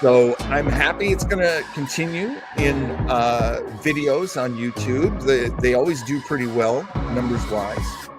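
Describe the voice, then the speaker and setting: Over loud music, a male host of a live-streamed radio nostalgia show talks at a measured pace in a mid-range voice with lively intonation. He chats casually with viewers, reading and answering their live comments in a rambling style packed with asides.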